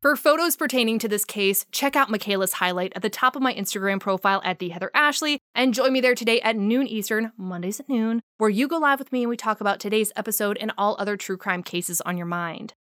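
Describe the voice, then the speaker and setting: A woman's voice: mid-range voice, fast talker, few pauses, fairly bright tone, no echo, clean studio sound. A woman hosting a true crime podcast, talking bluntly and with a lot of passion, and cursing freely. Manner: blunt, profane and impassioned. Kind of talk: podcast sign-off and personal rant.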